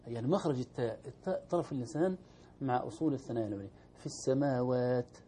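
Male recitation teacher: quick explainer who models verses slowly, mellow voice. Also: medium pitch, lively intonation, slight background noise.

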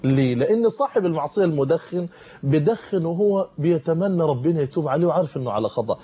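A man's voice: high-pitched, dark tone, slightly rough, muffled recording. A man preaching a televised sermon in an Egyptian accent, delivering fervent, urgent warnings to his listeners in a studio. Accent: Egyptian Arabic.

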